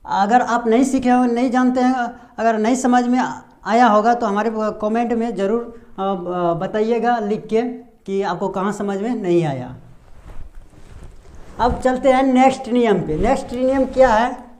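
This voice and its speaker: A man from India teaching English pronunciation, slowly explaining each rule and answering his own questions. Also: very high-pitched, a little mellow. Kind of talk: slow explanatory lesson with repeated questions.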